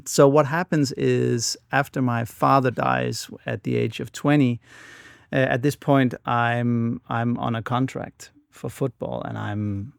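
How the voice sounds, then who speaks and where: A man in his forties with a Danish accent, telling his life story as a guest in a halting, repeating way. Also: mid-range voice, steady tone, creaky, clean tone, dry recording, studio quality. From Denmark. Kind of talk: casual interview storytelling. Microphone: studio microphone.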